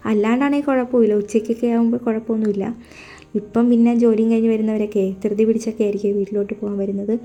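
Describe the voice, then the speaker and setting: Her voice sits a little high and sounds warm. She's a young Keralan homemaker and mother, talking through her day in a chatty, homely manner full of friendly tag words.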